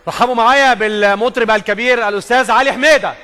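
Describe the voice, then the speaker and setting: A man's voice: very high-pitched, rapid-fire, over loud music, a loud crowd. A man in his late thirties with an Egyptian accent, hosting a TV studio chat, eager and admiring, laughing often. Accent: Egyptian Arabic. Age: late 30s. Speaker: TV host.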